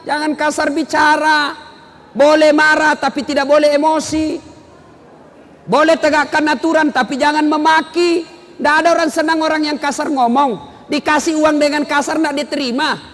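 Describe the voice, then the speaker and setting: A man with a Makassar accent giving a humorous sermon, lively and acting out little dialogues with different voices. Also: very high-pitched, normal speed. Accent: Makassar Indonesian. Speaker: preacher and university lecturer. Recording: hall reverb, faint noise.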